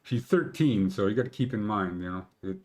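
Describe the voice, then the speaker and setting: A man's voice: fairly low pitch, lively intonation, a little fast, darkish tone. A man in his fifties hosting a park conditions show, chatting casually in rambling, joking asides. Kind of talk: casual morning vlog chat.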